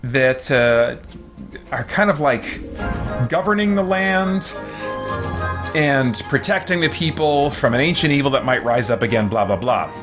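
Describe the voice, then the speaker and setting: With music in the background, a livestream host rambles through unscripted gameplay commentary, sounding casual and hesitant as he thinks out loud. His medium-pitched voice is animated but a bit slow.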